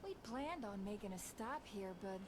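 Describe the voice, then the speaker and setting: A woman's voice: mid-range voice, animated, normal speed, noisy background, lightly acted. An actress voicing a chatty middle-aged female tourist with a Midwestern accent, friendly and folksy. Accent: Midwestern American. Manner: friendly, folksy, calls people hun.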